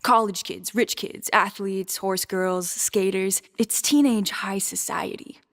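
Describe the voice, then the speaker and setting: A woman's voice: medium pitch, steady tone, takes it slowly, fairly bright tone. An actress playing a wry, grandiose teenage girl who narrates a video game in arch, dramatic phrasing. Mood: eager, scheming.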